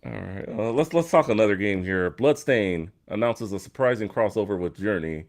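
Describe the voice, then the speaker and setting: A man's voice: on the low side, animated, moderate pace. A man in his thirties hosting a gaming podcast, easygoing as he steers to the next topic. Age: 30s. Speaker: podcast host. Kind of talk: casual chat.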